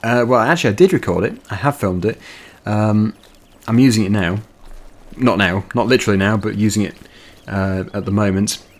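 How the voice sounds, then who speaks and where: A man chats his way through a video game, rambling and laughing easily. His voice sits fairly low. The commentary is relaxed and unscripted. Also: moderate pace. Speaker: let's play gamer. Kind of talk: casual gameplay commentary.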